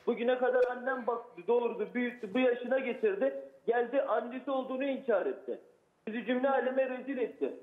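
A man's voice: extremely high pitch, fairly quick, roomy sound, narrow, tinny audio. A man, the guest's older brother, arguing indignantly on a talk show. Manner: indignant, argumentative. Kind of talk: heated talk-show argument.

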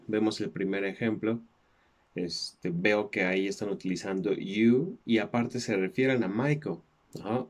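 A man's voice: fairly low pitch, a little mellow. A man with a Mexican Spanish accent, a native Spanish speaker, patiently explaining English textbook exercises with fillers like "este" and "ajá". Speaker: English teacher.

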